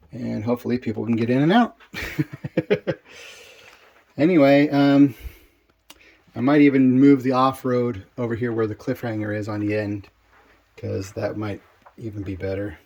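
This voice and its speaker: A man's voice: mid-range voice, a little mellow, muffled recording. A man giving a casual vlog tour of his home game room, chatty and rambling with lots of fillers, his voice a bit off after tonsil surgery. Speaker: arcade collector vlogger.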